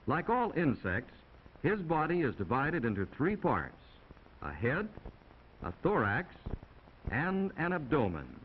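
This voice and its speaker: A slightly high male voice, slow and full of huge pitch swings, narrates a 1950s classroom film. The American speaker is folksy and instructive, chatting asides to young viewers, and the 1950 film soundtrack sounds dull and noisy.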